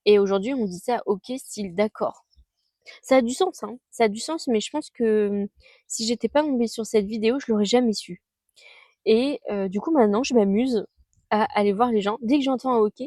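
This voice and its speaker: Woman in her 20s, vlogger. Chatty, slangy, lots of fillers. Dark, mellow tone, dry recording outdoors. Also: mid-range voice, dry recording. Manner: chatty and scattered, with youthful slang and many fillers. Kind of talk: casual monthly recap vlog. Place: outdoors under a tree.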